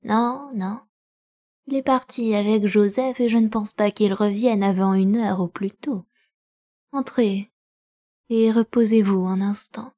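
A woman voicing a kindly, calm farm servant woman in a gentle, soothing manner, read in an audiobook. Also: mid-range voice, measured pace, lightly acted. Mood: reassuring.

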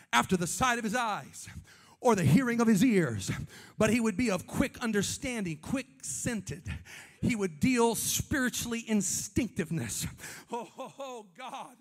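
Very high-voiced fervent male preacher. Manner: fervent preaching, swings between shouting and hushed asides; calls on the congregation for amens and responses. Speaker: Pentecostal preacher. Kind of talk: sermon. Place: church sanctuary before a congregation.

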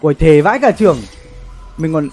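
A man's voice: fairly high pitch, animated, normal speed, a little mellow, soft background music. A young man chatting casually on a gaming livestream, slangy and sweary, often repeating his phrases. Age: young adult. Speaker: livestream gamer. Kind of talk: casual livestream chat with game commentary. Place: indoor streaming setup.

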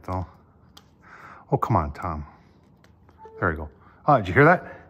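With his phone camera close by, an older man gives a folksy product review in his home kitchen, chatting casually and calling viewers "folks." His medium-pitched voice comes across pushed and bright.

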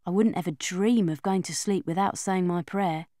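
Narrating a children's audiobook in the first person, a woman takes on the voice of a chatty, confiding, lively young schoolgirl. Her pitch sits on the low side and she moves at a moderate pace. The recording is dry and of studio quality.

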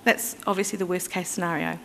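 A woman's voice: on the low side, fairly even intonation, fast, gravelly, fairly bright tone. A woman giving a conference presentation in an explanatory, conversational way, with fillers and restarts. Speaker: conference speaker. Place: conference hall. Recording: reverberant conference hall.

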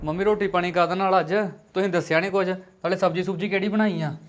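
A man's voice: high voice, steady tone, fast, natural voice. Man playing a petulant demanding young husband. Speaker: actor. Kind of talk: web series drama acting.

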